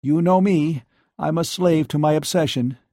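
Brief: male reader playing a lecherous, worn-out professor in his forties, smooth and coaxing, raised a little in pitch. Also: moderate pace, warm tone, no room sound, studio quality. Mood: ingratiating. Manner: ingratiating, wheedling. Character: weary, lecherous middle-aged male professor, persistent.

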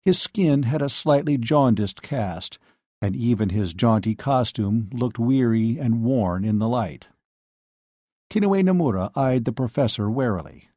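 Brief: male audiobook narrator, mellow and warm, dry close recording. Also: medium pitch, animated, a little slow, no room sound. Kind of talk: scripted novel narration.

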